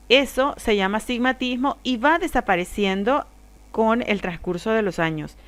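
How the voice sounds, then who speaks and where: A woman teacher giving a recorded lesson, explaining carefully and slowing down to demonstrate sounds. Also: mid-range voice, clean tone. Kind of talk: recorded lesson on speech disorders.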